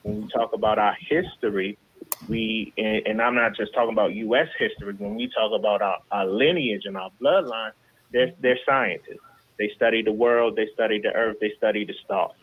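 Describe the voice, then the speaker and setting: A man speaks through a thin, tinny phone line as a caller to a talk show. His voice sits low. He talks earnestly, often restarting words as he works through his points. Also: moderate pace, breathy edge. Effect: heard over a phone line. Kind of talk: call-in commentary.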